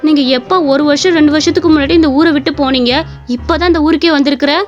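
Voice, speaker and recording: A woman's voice: high-pitched, fairly even intonation, fast, faint music behind, close to an everyday voice. A woman voicing a stubborn young college-age daughter in a cartoon story, talking back sharply. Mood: surprised. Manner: sharp, defiant, dismissive. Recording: dull lo-fi recording.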